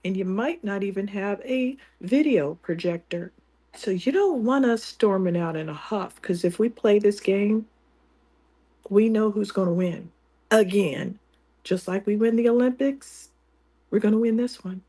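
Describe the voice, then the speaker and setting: Slow, deliberate woman co-host. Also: mid-range voice, mellow, husky. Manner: slow, deliberate and confident, with dry humor. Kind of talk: casual talk-show chat.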